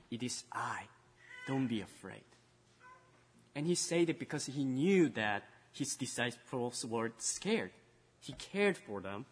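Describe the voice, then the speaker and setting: A male pastor giving a children's sermon, storytelling and swinging between loud emphasis and hushed tones. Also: mid-range voice, husky, big-room sound.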